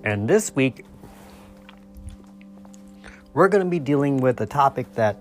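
A man hosting a solo debunking podcast, explaining his points haltingly and often rewording himself mid-sentence. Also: medium pitch, animated, soft background music. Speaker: podcast host.

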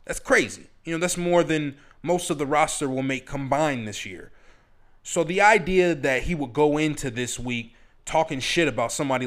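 A man's voice: mid-range voice, fairly bright tone. A man giving casual, opinionated fight commentary in a blunt, profane, rambling way. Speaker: MMA commentator.

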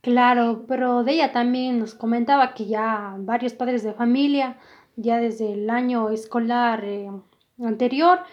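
A woman's voice: fairly high pitch, fairly even intonation, a little slow. A woman interviewing a teacher, asking hesitant follow-up questions. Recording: muffled lo-fi recording.

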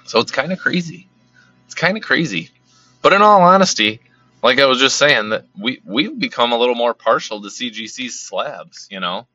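With lively intonation at a normal speed, a man hosting a card collecting channel delivers a rambling casual monologue packed with fillers and repetition while his voice fades. His mid-range tone is bright and forceful, recorded dry with a slightly dull lo-fi quality.

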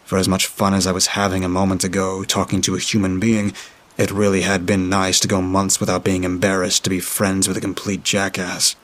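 A man reading a horror story aloud in a dry, steady storytelling manner. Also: low-pitched, a little fast. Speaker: narrator.

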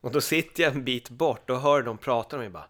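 A man from Sweden, a podcast guest in casual chat, telling lively stories and acting out the voices of people in them. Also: medium pitch. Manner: lively storyteller who acts out voices.

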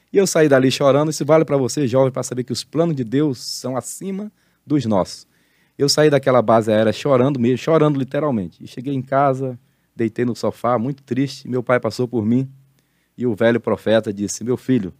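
A man's voice: mid-range voice, moderate pace, no echo, studio quality. Older man telling a spirited testimony. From Brazil. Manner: animated testimony, preacherly emphasis. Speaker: pastor and retired marine, guest. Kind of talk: casual interview storytelling.

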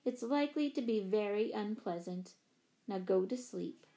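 A woman reading aloud, voicing a kind but firm mother who speaks gently and with care. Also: mid-range voice, animated, moderate pace, natural voice.

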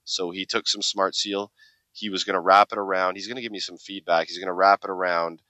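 A man giving a plainspoken, steady talk presenting a product. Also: low voice, fairly quick, no echo. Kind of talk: promotional talk. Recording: dry, slightly muffled sound.

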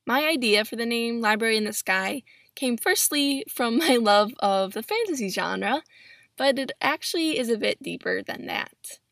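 With a lively, creaky, somewhat high and slightly bright voice, a 17-year-old talks at a moderate pace on her solo podcast. She records chattily on a laptop's built-in mic in a closet padded with pillows, giving a studio-quality sound with no echo.

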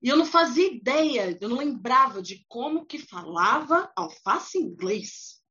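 A woman's voice: high-pitched, big pitch swings, pushed and bright, muffled recording. A woman from Brazil hosting a podcast, chatting casually and sharing her own story. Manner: chatty, quick back-channels. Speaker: podcast host. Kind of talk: casual chat.

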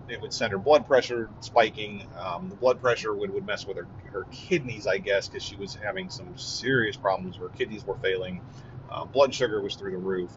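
A man giving a casual, earnest update, halting with many fillers and restarts. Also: on the low side. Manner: earnest and relieved. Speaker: vlogger giving a family update. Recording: dull lo-fi audio with faint vehicle noise.

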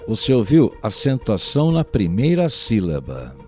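In a recorded language lesson with faint music underneath, a Brazilian Portuguese-accented teacher speaks in a lowish, slightly mellow voice whose pitch swoops wildly, at a moderate pace. He's patient and explanatory, checking in with the listener by asking "né?".

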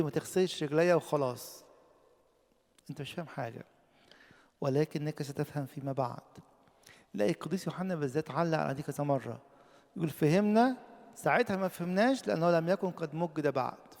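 Male preacher, Egyptian accent, fairly high gravelly voice, fervent sermon delivery, long hall reverb. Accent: Egyptian Arabic. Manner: impassioned, rising to loud emphatic peaks then dropping low.

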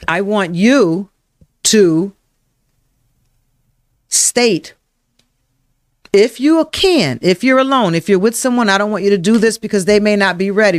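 Self-help coach on a livestream, slow and emphatic, walks you thru breathing, dry close sound. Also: medium pitch, clean tone, no echo. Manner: slow, emphatic, repeats affirmations and guides breathing; speaks directly to viewers by name. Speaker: emotional wellness workshop leader. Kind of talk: live-streamed self-help session.

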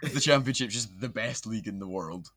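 A man's voice: on the low side, a little fast, a bit bright, no echo. A young man hosting a casual football podcast, chatty and laughing often. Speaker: podcast host.

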